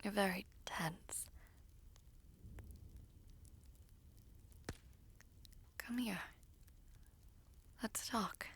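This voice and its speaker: In an intimate audio roleplay, a woman voices a guilt-ridden, weary young villainess sorceress, speaking haltingly in a breathy half-whisper. Her pitch is medium, the mood tense and soft, with slight background noise.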